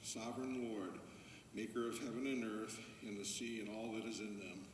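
A man with a fairly low voice reads scripture steadily and deliberately. He is heard from a distance, and the big church adds a long, lingering echo. A faint hiss sits beneath him. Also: fairly even intonation. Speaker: lector reading scripture. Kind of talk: scripture reading. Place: large church sanctuary, indoors. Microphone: distant camera microphone. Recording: echoey church captured from afar.

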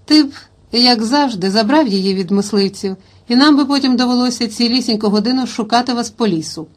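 A woman's voice: fairly high pitch, fairly quick, close to an everyday voice. Woman reading as a hearty young king. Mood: cheerful. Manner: hearty, rousing calls to the hunt. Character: cheerful, spirited young French king, man.

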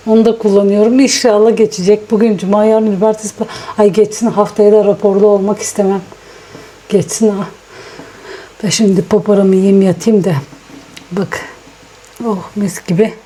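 A woman chatting casually to her viewers at home in a daily vlog, ill with a swollen sore throat and talking softly. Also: medium pitch. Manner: chatty, rambling, talks softly. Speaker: vlogger. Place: at home, indoors. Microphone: small vlogging microphone.

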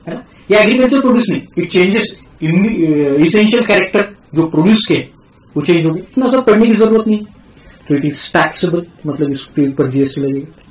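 A man with an Indian English accent giving a classroom lecture, switching between Hindi and English and slowing down to repeat key terms for his students. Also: sits high, lively intonation, reverberant, poor audio. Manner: mixes Hindi and English, calls students "beta", drills key terms slowly. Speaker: tax teacher.

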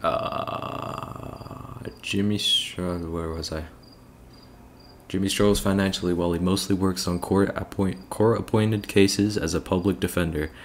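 A man's voice: low-pitched, fairly even intonation, measured pace, a little hiss or hum. A young British man on a livestream, reading a long text aloud, tripping over names and breaking off for wry, self-mocking asides. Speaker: streamer.

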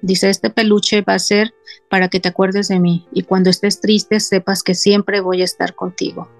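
A middle-aged woman tells a deeply personal family story as an interview guest. Her voice has a rough, gravelly texture, and she brings each scene to life by voicing what her relatives said. Soft music plays faintly behind her. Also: little pitch movement, moderate pace, no room sound. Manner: retells scenes by quoting family in her own voice.

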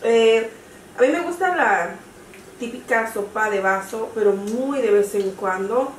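High-voiced woman talking with her mouth full. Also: expressive, measured pace. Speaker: host of a family mukbang video. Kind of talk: casual chat while cooking and eating. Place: home kitchen table, indoors. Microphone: camera across the table. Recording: roomy, distant, noisy with sizzling food.

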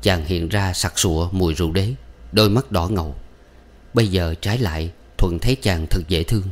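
A man reading a novel aloud in calm, scripted narration. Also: sits low. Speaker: audiobook reader.

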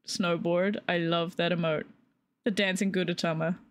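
A woman streamer chatting excitedly as she plays a game live, reacting to everything on screen. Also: lowish voice, moderate pace, slight background noise. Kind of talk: live gameplay commentary.

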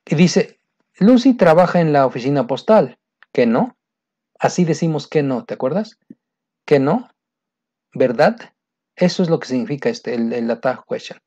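A patient teacher walks through a grammar lesson step by step, repeating key points and checking in with the listener. The voice sits in a middle register and sounds mellow and soft-edged. The recording is dull and muffled. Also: mid-range voice, animated, normal speed, long pauses. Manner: patient, repetitive, keeps checking understanding. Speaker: English teacher.

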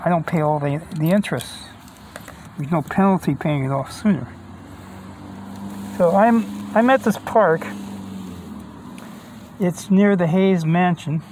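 Holding his phone near, an older male vlogger chats casually, starting over frequently and calculating in his head out loud. He begins in a park and ends up in a van. His pitch is high, the tone darkish, with slight background noise.

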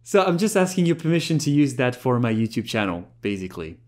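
A man's voice: medium pitch, normal speed. A man in his thirties from France, a YouTube host, chatting friendly on a phone call and to camera in his living room, laughing often. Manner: friendly and lively, laughs often, switches languages. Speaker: YouTube host reviewing a language app. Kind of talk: casual phone chat and presenting to camera.

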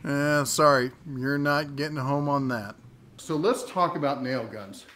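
Slightly high-voiced guy in his garage shop testing tools, jokey and chatty. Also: measured pace, a bit bright, a little hiss or hum. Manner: wisecracking, talks while working. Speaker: tool reviewer host. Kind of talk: casual product review. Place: home workshop garage.

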